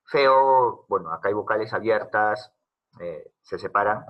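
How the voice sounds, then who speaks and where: A man's voice: fairly low pitch, fairly even intonation, normal speed, dull audio. A man teaching a grammar lesson, explaining step by step and asking questions to the class.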